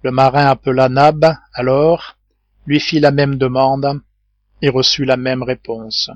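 A man narrating a classic novel as an audiobook reader, in a measured literary way. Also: medium pitch, level tone, no echo, muffled recording. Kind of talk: scripted narration.

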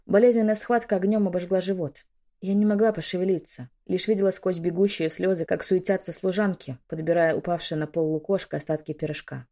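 A woman reading a dramatic first-person story as an audiobook narrator, in an expressive, emotional way. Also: fairly low pitch, brisk.

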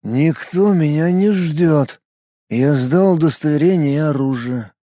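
A man voicing a drunk, bitter policeman who talks slowly and with a slur. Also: high voice, warm tone, no echo, studio quality. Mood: sullen. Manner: slurred, slow, surly. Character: drunk bitter male cop, gruff and sullen.

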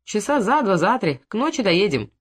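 Reader doing a gruff middle-aged guy, brusque and mocking, audiobook. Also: mid-range voice, sing-song, normal speed.

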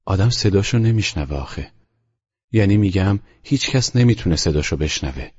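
A man's voice: low voice, lively intonation, darkish tone, breathy edge, muffled recording, pitched above the performer's own voice. A man voicing a fretful, resentful young housemaid in an audiobook, complaining and agitated. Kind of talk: audiobook character reading.

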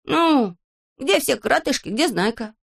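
A woman voicing an excitable, boastful boyish little shorty in a storybook reading, eager and exclaiming. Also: high-pitched, measured pace, gravelly, slightly rough, pitched above the performer's own voice, heavily acted. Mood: excited. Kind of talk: storybook character voice.

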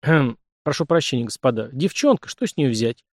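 A man's voice: mid-range voice, expressive, brisk, dry recording, clean studio sound. A man voicing a flustered, apologetic count hosting guests, in a storybook reading. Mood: fussy. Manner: fussy, apologetic. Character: flustered middle-aged count, the host.

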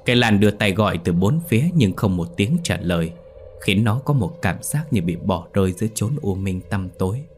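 A low-voiced man tells a ghost story in a measured, atmospheric narration. Faint background music plays under his voice. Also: animated. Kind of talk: scripted horror story narration.

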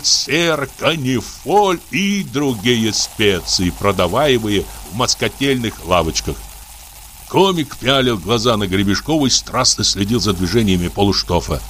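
A man reading a classic story as narration in a measured, expressive way. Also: medium pitch, slight background noise. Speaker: audiobook reader. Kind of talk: scripted literary narration.

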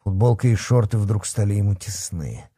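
A man reading a dark fantasy story aloud with expressive, dramatic narration. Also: lowish voice, normal speed, slightly rough, dry recording, studio quality. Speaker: audiobook narrator.

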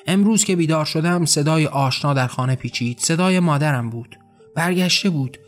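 Man narrating an audiobook over faint music. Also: medium pitch. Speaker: author and narrator.

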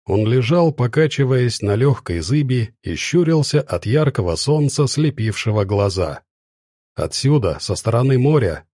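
A man reading a novel aloud in an even, measured storytelling voice. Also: mid-range voice, dry recording, studio quality. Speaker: narrator. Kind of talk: scripted audiobook narration.

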